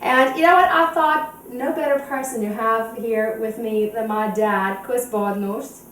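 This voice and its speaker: In her echoey kitchen, a woman hosting a cooking show talks and giggles her way through each step of a home demonstration. Her voice is on the high side and a bit bright, with fairly even intonation and a measured pace. The mic is distant and there's faint noise.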